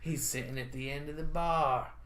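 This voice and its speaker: A man's voice: fairly high pitch, fairly even intonation, normal speed, fairly bright tone, natural voice. A man voicing a folksy saloon bartender with a fake Southern accent, drawling and chatty, in improv comedy. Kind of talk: improv comedy role-play.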